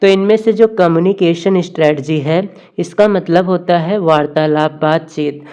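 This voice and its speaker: A woman teacher, going through exam questions, reading the slowly and explaining in Hindi. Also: lowish voice, mellow, smooth. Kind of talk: exam MCQ lesson.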